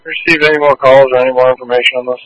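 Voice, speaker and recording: A man's voice: mid-range voice, fairly even intonation, very fast, fairly bright tone, no room sound, rough recording. Man reporting in over police radio. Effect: police radio transmission. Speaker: patrol officer.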